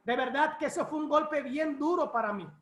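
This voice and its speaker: High-voiced woman preaching in an echoey church. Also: fairly quick. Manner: lively storytelling, acts out quoted voices. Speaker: pastor. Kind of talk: preaching a personal testimony. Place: church hall.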